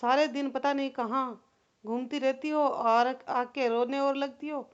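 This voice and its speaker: A woman's voice: high-pitched, fairly even intonation, unhurried, clean tone. A woman playing a short-tempered, scolding mother. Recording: dull lo-fi recording.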